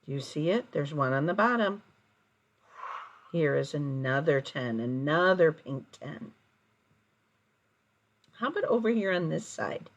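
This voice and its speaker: A woman teaching young children like a kids show host, in simple phrases with prompting questions and deliberate, sing-song counting. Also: deep voice, animated, lo-fi sound. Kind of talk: early-grade counting lesson, addressed to children.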